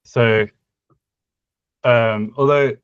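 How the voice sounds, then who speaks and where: Speaking very slowly in a steady, clean, mid-range voice, this young podcast co-host muses about designing constructed languages. He hesitates constantly, full of fillers and restarts, on a lo-fi recording with no echo.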